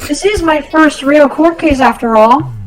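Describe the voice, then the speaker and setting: A man using a voice changer to sound like a girl, voicing an eager young female defense attorney with an excitable, animated delivery. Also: very high voice, measured pace, pitched above the performer's own voice, poor audio. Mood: excited, nervous. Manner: excitable, animated line reading. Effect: voice changer making him sound like a girl. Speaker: gamer dubbing game dialogue. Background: game music.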